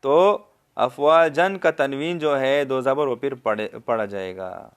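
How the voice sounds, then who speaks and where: A man with a Pakistani Urdu accent teaching tajweed, explaining the rules and then reciting the verses slowly in a raised, melodic voice, often checking whether the listener understood. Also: mid-range voice, clean tone. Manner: asks the listener if they understood. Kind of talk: tajweed lesson with slow demonstration recitation.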